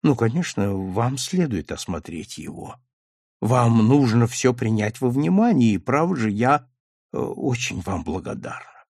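A man's voice: mid-range voice, lively intonation, moderate pace, no room sound, clean studio sound. A man reading as a shy, upset young woman. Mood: earnest. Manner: soft, hesitant.

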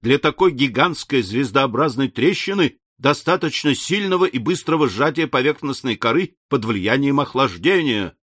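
A male audiobook narrator voicing a calm, learned middle-aged man who explains things in a measured, lecturing way. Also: medium pitch, no echo, studio quality. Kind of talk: audiobook character reading.

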